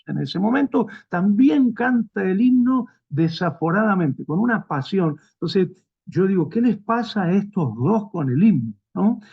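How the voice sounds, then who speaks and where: A man's voice: high voice, animated, measured pace, vocal fry, husky, dull audio. A middle-aged man with a Rioplatense Spanish accent, lecturing at a seminar and telling a personal anecdote, acting out the dialogue in different voices. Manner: storytelling, acts out dialogue in varied voices. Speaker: guest lecturer.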